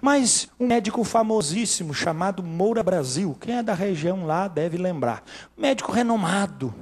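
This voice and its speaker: A man's voice: high voice, animated, moderate pace, husky. A man from Brazil, a pastor preaching a sermon in church, telling stories dramatically and acting out the dialogue.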